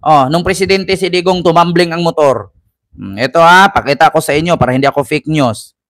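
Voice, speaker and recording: A man's voice: on the high side, fairly quick, a bit bright. A man hosting casual political commentary, rambling and mocking, and mixing English phrases into his talk.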